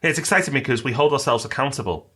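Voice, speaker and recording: Talking very fast, a British man co-hosting a podcast has a medium-pitched, sharp voice with a breathy edge. He's upbeat and promotional in the casual chat, reading a listener review and other mail aloud.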